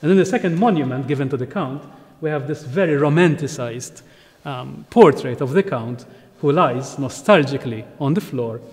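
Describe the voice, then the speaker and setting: A man, giving an animated lecture at a lectern, with frequent ums and restarts. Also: mid-range voice, normal speed. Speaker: researcher and curator giving a talk. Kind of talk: lecture on art history. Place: ornate church interior at a lectern. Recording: long reverb of a large church hall.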